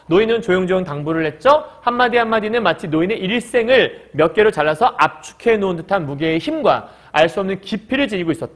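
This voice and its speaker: Male literature teacher, high and lively voice, lectures by firing questions at the class and answering them. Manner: breaks into short acted quotes of characters.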